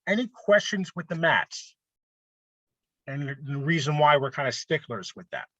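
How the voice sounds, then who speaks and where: A man presenting rules to an art club in a casual instructional talk, often pausing to ask "okay?". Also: a little high, big pitch swings, bright, forceful tone, dry recording, muffled recording. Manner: conversational, frequent "okay?" check-ins.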